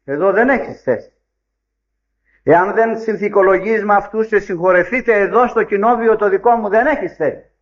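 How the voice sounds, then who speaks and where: A man preaching a sermon, telling a story and acting out its dialogue in a lively way. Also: sits high. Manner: animated storytelling, acts out dialogue. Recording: dull lo-fi recording.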